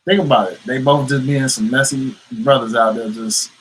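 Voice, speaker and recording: A man's voice: mid-range voice, steady tone, normal speed, a bit bright, low-quality recording. A man co-hosting a podcast in a casual group chat, with agreeable, slangy interjections. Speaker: podcast co-host. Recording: noticeable background noise.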